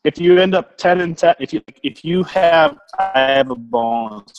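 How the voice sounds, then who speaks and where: A man's voice: a little high, lively intonation, a little slow, muffled recording, faint music behind. A man co-hosting a casual podcast over a call, joking and laughing while his voice keeps breaking up on a bad connection. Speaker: podcast co-host.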